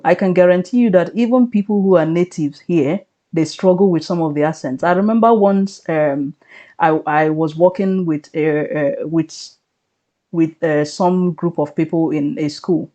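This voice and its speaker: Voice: medium pitch, dark tone, muffled recording. An adult speaker giving casual, reassuring advice, explaining things step by step in a conversational way. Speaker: vlogger advising on living and studying in the UK.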